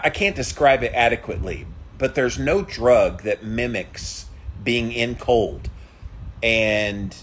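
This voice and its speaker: A man with a somewhat low voice speaks informally to his followers, like a vlogger. He stretches important words for emphasis. There is light noise behind his voice. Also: rough recording. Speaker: vlogger doing an ice bath challenge. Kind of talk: casual chat to followers.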